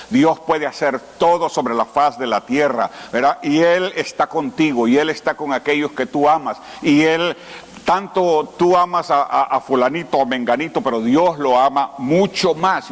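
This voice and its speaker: Slow-building preaching man, reverberant hall. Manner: preaching with sudden rises in pitch and slow drawn-out emphasis. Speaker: pastor. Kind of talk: sermon.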